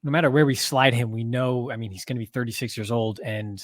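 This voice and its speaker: A man's voice: medium pitch, quick pace, no room sound, studio quality. A man co-hosting a sports podcast, chatting casually with jokey, wry asides. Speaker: podcast co-host.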